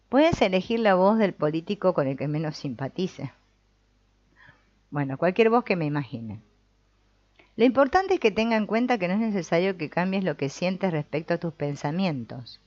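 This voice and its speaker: A woman explaining exercises in an online course, conversational and often tagging phrases with a questioning "no?", pausing now and then to search for a word. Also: on the low side, darkish tone, dry recording. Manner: pauses to search for words and corrects herself. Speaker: course instructor. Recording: dull, slightly muffled recording.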